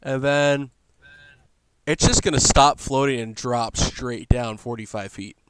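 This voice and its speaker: A man running a tabletop game as game master, giving brisk, matter-of-fact rulings. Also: medium pitch, a bit bright, clear, resonant tone, dry recording.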